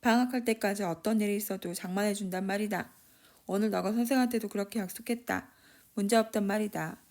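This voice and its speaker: A man's voice: high voice, steady tone, fast talker, a little mellow. A woman doing a drunken one-armed Gyeongsang father. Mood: drunk scolding. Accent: Gyeongsang dialect. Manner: rambling, scolding, chuckling.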